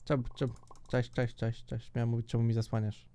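A young man giving joking, excitable commentary while he plays a multiplayer block-building minigame, often shouting at other players. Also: medium pitch, brisk, clean tone. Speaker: gaming YouTuber.

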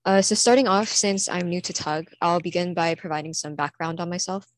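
A teenage girl from California, USA, gives a prepared student presentation at an online conference through a computer mic, reading steadily and earnestly from her slides with small pauses. Her voice sits on the low side with fairly even intonation, and there's no echo.

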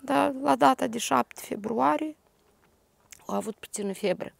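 An older woman with a Moldovan Romanian accent, a grieving grandmother giving a halting, detailed personal testimony. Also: high voice, vocal fry, dry recording. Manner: halting, detailed retelling with restarts.

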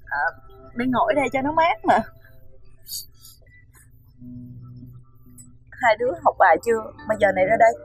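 An actress playing a gentle, loving young mother who speaks softly and reassuringly to her two boys in a TV drama. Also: on the high side, expressive, very fast, soft background music, lightly acted, poor audio. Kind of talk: TV drama acting.

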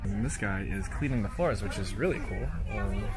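Over a noisy crowd, a man with a lowish voice and lively intonation speaks at normal speed, chatting casually for his travel vlog, speculating aloud and swearing occasionally. He's outdoors and on a train, and the handheld recording picks up noisy travel ambience.

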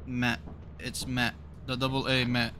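A young man in casual gaming voice chat, loud, excitable and swearing a lot. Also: mid-range voice, a little slow. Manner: loud, swearing, excitable, makes gorilla noises. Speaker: game player. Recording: noisy voice-chat recording.

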